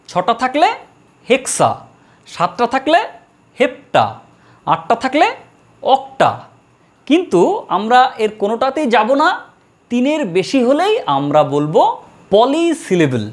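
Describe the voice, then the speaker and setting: A woman teaching an English grammar lesson, slowly drawing out model words and repeating them for her students. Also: on the high side. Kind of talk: classroom lesson.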